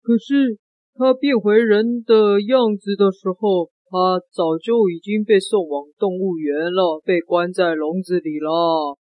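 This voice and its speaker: A woman telling an improvised children's story with a child, taking turns in a lively and playful way. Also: medium pitch, unhurried, phone-quality sound.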